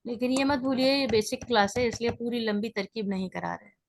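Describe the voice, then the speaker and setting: Lady teacher on a video call, fairly high voice, walks through the grammar patiently and keeps checking in with students. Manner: patient step-by-step explaining, often checking in with students. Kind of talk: online class lesson.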